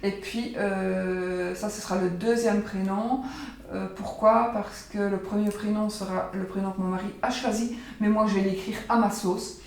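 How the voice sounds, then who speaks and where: A chatty woman talks casually to her viewers from her home kitchen, rambling, circling back and filling pauses as she goes. Her voice sits at an ordinary middle pitch. The room rings around her, and she sounds set back from the microphone. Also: steady tone, a little mellow. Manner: rambling, chatty, repeats herself and uses many fillers. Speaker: psychic vlogger presenting her oracle cards. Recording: roomy echo, voice from far off the mic.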